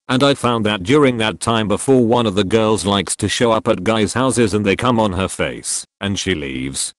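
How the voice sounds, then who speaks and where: Guy with a lowish voice reading a reddit-style story, steady and even, super dry close mic. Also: no room sound. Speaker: channel narrator reading posts. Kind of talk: scripted narration of an online post.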